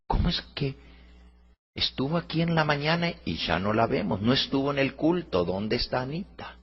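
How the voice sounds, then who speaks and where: A man voicing a kind, motherly woman who asks gentle, worried questions in a raised voice. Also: mid-range voice, big pitch swings, normal speed, breathy edge, pitched above the performer's own voice. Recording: muffled lo-fi recording.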